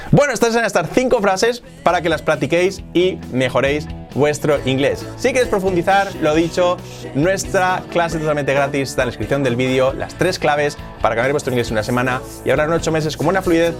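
A man from Spain with a Spanish accent, teaching English pronunciation in a lively online lesson and drilling phrases over and over. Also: on the high side.

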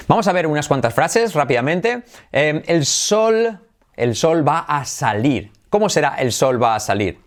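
A man whose first language is Spanish, teaching English in an energetic video lesson and drilling words by repeating them. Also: mid-range voice.

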